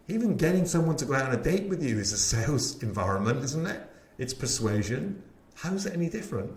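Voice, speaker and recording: West country bloke selling his sales course on a webinar, keen, asks lots of questions, bit of room echo. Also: mid-range voice. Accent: West Country English. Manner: enthusiastic, chatty, rhetorical questions. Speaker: sales trainer. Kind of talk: webinar presentation.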